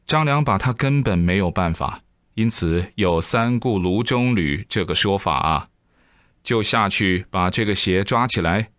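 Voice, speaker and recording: A male preacher spins a moral story with plenty of exclamations and acted-out moments. His voice sits low, and the recording is dry and close. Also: a little slow, no echo. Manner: lively, exclaiming, acting out the scenes. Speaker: preacher telling a moral tale. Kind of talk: animated storytelling sermon.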